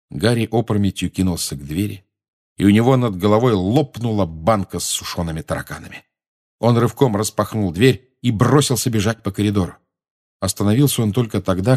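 A man narrating an audiobook in an even storytelling manner. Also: on the low side. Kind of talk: audiobook reading.

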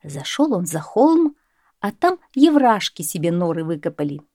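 A woman reading a folk tale aloud as storyteller, in a measured and plain way. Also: lowish voice, very animated, mellow, dry recording, clean studio sound.

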